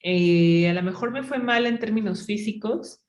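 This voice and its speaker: A woman's voice: mid-range voice, moderate pace, darkish tone, roomy sound. A woman with a Mexican accent hosting a podcast, chatting casually and filling her story with "o sea" and "¿no?". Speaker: podcast host. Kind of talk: casual chat.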